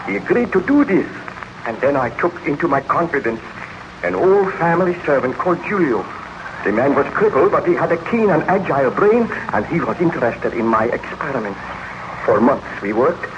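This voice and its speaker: Over a dull, noisy 1930s radio recording, a haunted baron and scientist. His rather high voice moves dramatically up and down. He confesses with solemn, declamatory remorse in old horror serial style. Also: big pitch swings, normal speed. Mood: fervent, tormented.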